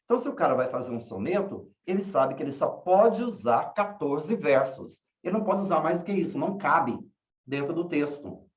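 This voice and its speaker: A man teaching a class, asking questions slowly and repeating key words. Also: fairly high pitch, lively intonation. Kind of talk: online class lecture. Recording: echoey room, dull lo-fi sound.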